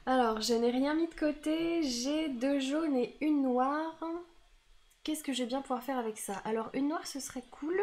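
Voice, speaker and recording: Giggly high-voiced Franc-comtois woman. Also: moderate pace, a little mellow. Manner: laughs often, thinks moves through aloud. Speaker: board game streamer. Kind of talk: live board game play with banter.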